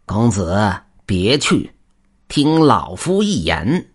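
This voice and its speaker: A sinister old Taoist priest from an audio storybook, as a male storyteller puts him on. He speaks slowly and menacingly, drawing out his words with a husky edge and a pitch that rises and falls widely. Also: very animated, exaggerated voice. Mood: warning.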